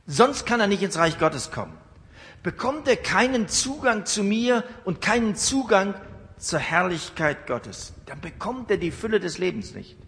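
A man's voice: a little high, fairly bright tone. A man preaching a sermon, emphatic, with rhetorical asides to the congregation. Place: church. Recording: long church reverb.

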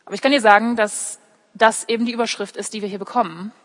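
A woman's voice: mid-range voice, fairly even intonation, fast talker. A woman preaching an online sermon, often asking questions and speaking directly to her listeners. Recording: long hall reverb.

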